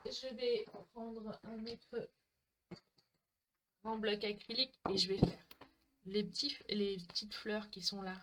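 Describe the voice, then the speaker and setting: Over slight background noise, a woman with a mid-range, fairly bright voice works on crafts during a home livestream. Talking into a desk microphone, she chats with viewers by name and laughs off her own mistakes.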